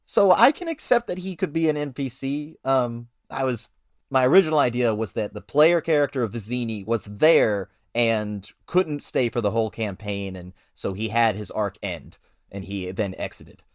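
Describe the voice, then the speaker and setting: A man's voice: medium pitch, expressive, moderate pace, dry recording. Playful man on a dry mic. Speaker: podcast co-host. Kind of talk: casual chat about tabletop games.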